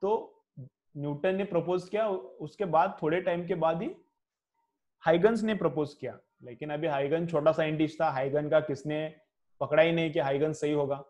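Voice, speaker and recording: A man in his thirties with an Indian English accent, teaching physics to a class, dictating headings slowly and asking questions that he answers himself. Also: on the high side, a little mellow, highs cut off.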